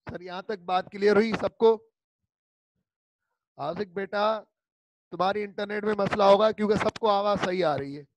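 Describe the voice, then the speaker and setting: A man's voice: high voice, moderate pace, pauses often, poor audio. A male law teacher, giving an online class lecture and drilling students by repeating key terms. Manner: repetitive, drilling students with call-and-response.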